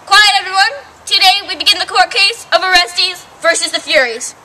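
Athena, a woman playing a sharp, bossy judge goddess. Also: very high-pitched, normal speed, heavy background noise. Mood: authoritative. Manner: sharp, calling out, authoritative.

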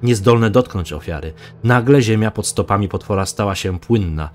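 A man reading a dark fantasy novel aloud as a hobby audiobook narrator, dramatic and voicing the characters. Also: on the low side, moderate pace, faint music behind.

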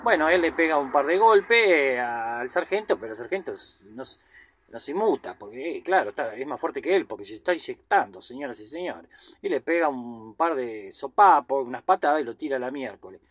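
A man's voice: medium pitch, expressive, a little fast, no room sound. A man casually recapping a movie in a loose, slangy way. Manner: chatty, loose retelling with slang asides and fillers. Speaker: film commentator.

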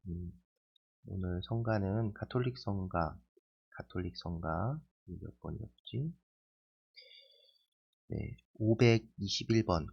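A man leading a daily Bible reflection, talking in a relaxed, conversational way with pauses and fillers. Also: sits low, creaky. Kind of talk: casual spoken Bible reflection. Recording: dull lo-fi recording.

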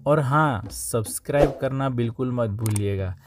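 A man's voice: mid-range voice, a little slow, music in the background. A young man narrating a casual travel vlog while riding a motorbike through city streets, talking to viewers as friends. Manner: chatty, addresses viewers as friends. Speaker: vlogger.

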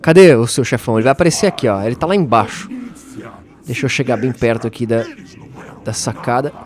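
A man's voice: mid-range voice, fast talker, a crowd in the background. A man giving casual gameplay commentary, playfully taunting enemies and laughing often. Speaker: let's play host.

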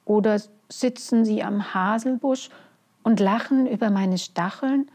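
A woman's voice: medium pitch, a little slow, dark tone, pitched above the performer's own voice, lightly acted. A woman reading a children's picture book, voicing a sulky, worried male hedgehog. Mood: worried, brooding.

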